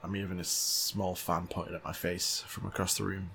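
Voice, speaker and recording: A man's voice: deep voice, flat delivery, moderate pace, vocal fry, bright, forceful tone, a little hiss or hum. A man reacting to a game showcase in blunt, sardonic casual commentary. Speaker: streamer.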